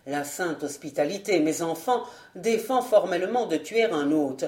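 A woman voicing a scheming, hot-tempered male nobleman in an audiobook, blustering and then falsely smooth. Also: on the low side, animated, normal speed, a little mellow, echoey room, close to an everyday voice.

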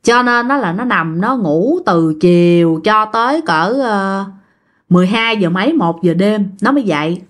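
A woman's voice: mid-range voice, lively intonation, normal speed. Chatty woman storyteller. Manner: chatty, addresses listeners directly. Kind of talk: casual ghost story narration.

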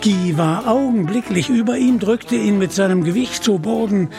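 A man narrating a radio story in a measured, dramatic way. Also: high-pitched, vocal fry. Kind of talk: scripted audiobook narration. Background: music.

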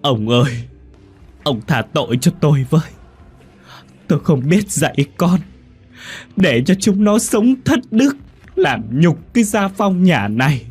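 A man's voice: a little high, big pitch swings, a little slow, pauses often, breathy edge, faint music behind, voice pushed up, heavily acted. A man doing a frail old mother wailing in grief. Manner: wailing, sobbing, quavering. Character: old mother Ngạc, frail grieving elderly woman.

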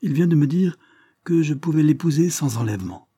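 A cheerful young nobleman, voiced by a man in an audiobook. His voice rises above the reader's usual register but keeps a dark, husky tone. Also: a little high, lively intonation, a little fast, voice pushed up. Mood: buoyant. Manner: buoyant, warm-hearted.

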